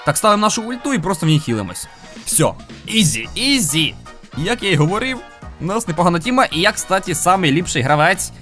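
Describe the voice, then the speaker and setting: Man, fairly high and very animated voice, playful gameplay commentary, faint music behind. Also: fast talker. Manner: playful and upbeat, with frequent sound-effect interjections. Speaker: gaming video host.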